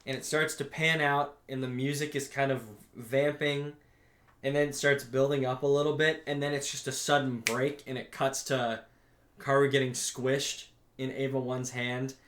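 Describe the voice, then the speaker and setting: A man with a medium-pitched, slightly bright voice and a flat delivery co-hosts a laid-back podcast about anime. Rambling with frequent restarts and some swearing, he briefly acts out characters' lines, and the room adds a roomy echo.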